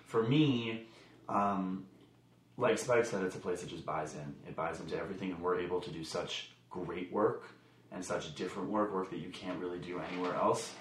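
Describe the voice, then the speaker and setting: A young man, a camp song leader, telling his story in an animated, emphatic way. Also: low-pitched, moderate pace, reverberant, slight background noise, low-quality recording. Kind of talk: casual interview talk.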